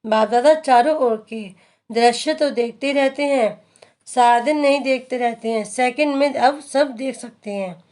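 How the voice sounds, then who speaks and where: Lady reading out a daily sermon real slow, kinda high voice, calm teaching tone. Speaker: reader of a daily spiritual discourse.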